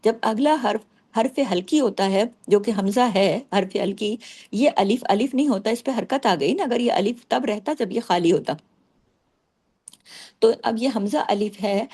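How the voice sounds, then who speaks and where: A woman teaching Quran recitation rules in a patient way, explaining each rule and reciting verses slowly to show them. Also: medium pitch, warm tone, breathy edge. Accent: Pakistani Urdu. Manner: patient, repeats rules, checks understanding with "theek hai".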